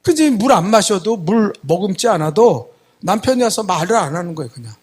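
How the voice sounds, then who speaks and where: Husky-voiced man preaching. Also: sits high, a little fast. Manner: animated storytelling, acting out quoted voices. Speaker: senior pastor. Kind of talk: storytelling sermon. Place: church sanctuary.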